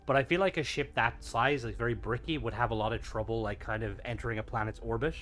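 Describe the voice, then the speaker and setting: Fast and steady, in a mid-range, slightly bright voice, a streamer host runs a live game stream. He tours builds and rates them in a rambling, playful, filler-heavy way. Faint game music sits in the background.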